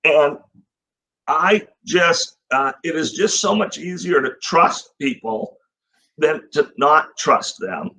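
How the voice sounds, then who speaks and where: A man who is a guest on a podcast, talking about leadership in a reflective, measured way. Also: fairly high pitch, expressive, sharp tone, poor audio. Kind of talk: casual podcast conversation.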